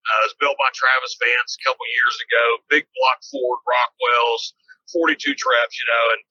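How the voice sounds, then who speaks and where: A man with a harsh, raspy, hoarse voice chatting casually and animatedly, slangy and sweary, telling stories. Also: medium pitch, huge pitch swings, moderate pace, pushed and bright, dry recording, muffled recording. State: hoarse from desert dust. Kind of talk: casual storytelling chat.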